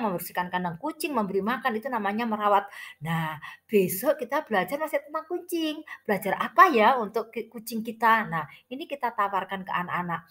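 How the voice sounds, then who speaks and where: A Javanese-accented woman, an early childhood teacher running an online tutorial, gives an informal instructional explanation for other teachers, chatty and speaking straight to listeners. Her medium-pitched voice is a bit bright, and a toothache muddles her speech.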